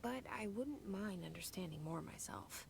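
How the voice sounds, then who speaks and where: An actress voicing a young woman's inner thoughts, hushed and doubtful. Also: fairly low pitch, expressive, moderate pace, creaky, noisy background.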